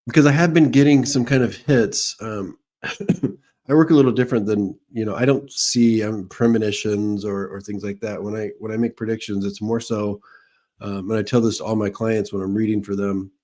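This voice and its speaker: Speaking at a moderate pace into a streaming microphone, a psychic medium hosts a laid-back live stream in a low, mellow voice. He chats in a loose, rambling manner, welcoming viewers by name before moving on to their questions.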